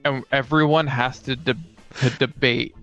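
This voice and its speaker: This man has a mid-range, fairly bright voice with a steady tone and moderate pace. He co-hosts a casual gaming podcast and is also one of the players, explaining things conversationally. The audio is slightly dull, with music playing behind him.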